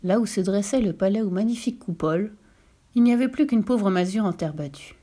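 A woman narrating a fairy tale aloud in a dramatic, animated storybook manner. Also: mid-range voice, a little fast.

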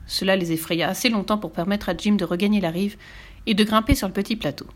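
Brief: woman storyteller, steady, even, mid-pitched, children's book reading. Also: fast talker. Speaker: narrator.

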